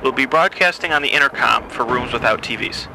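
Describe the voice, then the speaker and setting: A man's voice: medium pitch, fairly quick, creaky. A man giving formal school morning announcements over the intercom, clipped and instructive. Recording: distant, noisy intercom speaker.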